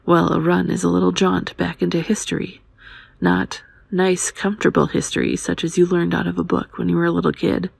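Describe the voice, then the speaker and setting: Woman quietly reading as a cynical, urgent man, breathy and hushed. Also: on the low side, flat delivery, fairly quick, no echo, exaggerated voice. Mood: sardonic. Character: urgent, cynical young man warning a newcomer. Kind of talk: quiet ASMR audiobook dialogue.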